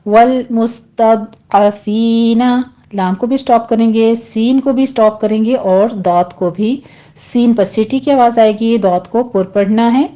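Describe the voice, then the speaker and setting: A woman's voice: fairly high pitch, mellow. A woman teaching Quran recitation rules step by step, patiently explaining each sound and modelling the correct pronunciation. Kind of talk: tajweed lesson.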